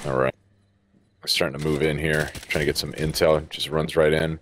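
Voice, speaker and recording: Deep-voiced male esports co-caster. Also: level tone, normal speed, fairly bright tone, slight background noise. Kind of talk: esports color commentary.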